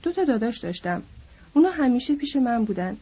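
A woman's voice: on the high side, expressive, warm tone, breathy edge, highs cut off. A woman voicing a bitter, lonely older male stable hand who needles and then broods, in an audiobook. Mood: mournful.

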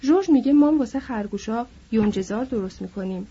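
A woman's voice: a little high, expressive, warm tone, slightly rough, muffled recording. A woman voicing a big, simple-minded man who insists anxiously and pleads, in an audiobook. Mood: eager.

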